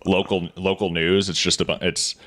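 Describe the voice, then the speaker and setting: A man's voice: low voice, little pitch movement, moderate pace, fairly bright tone. A man hosting a casual call-in show, rambling and correcting himself as he talks, speaking into a studio microphone. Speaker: show host. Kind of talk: casual radio chat.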